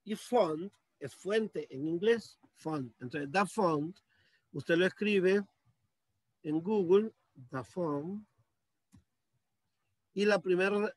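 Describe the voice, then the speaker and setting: This is a screen-share computer lesson in which a man with a high voice patiently takes students through a task one step at a time. He's on a video call using a computer mic, and the sound is dry.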